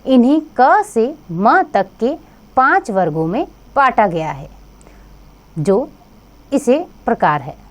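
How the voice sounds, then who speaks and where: A woman teaching a grammar lesson to children, addressing them directly and sounding out each letter slowly. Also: on the high side, very animated.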